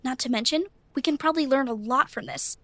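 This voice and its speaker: A bright, eager teenage schoolgirl with a high voice and a know-it-all way of explaining. The recording is dry and close. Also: fast talker, dry recording.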